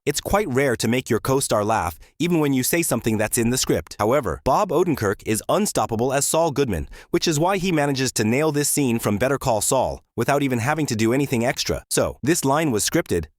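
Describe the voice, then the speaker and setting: A man delivers scripted narration for a film trivia video. His pitch sits in the middle of the male range, and the recording is dry, with hardly any room sound. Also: lively intonation, brisk, hardly any pauses, no echo.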